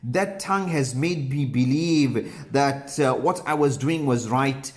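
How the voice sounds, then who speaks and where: A man's voice: medium pitch, unhurried, lightly acted. A man voicing a condemned young thief who speaks plainly and earnestly in a storybook tale. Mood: bitter, earnest. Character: condemned young male thief, bitter and blunt.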